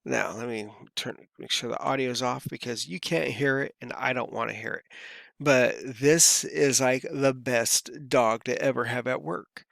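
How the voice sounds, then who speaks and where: A crypto vlogger from California talks casually to camera, drifting along easygoingly and filling gaps with fillers. His gravelly, mid-range voice is steady, unhurried, fairly bright, and a little worn, and the studio recording is clean with no room sound.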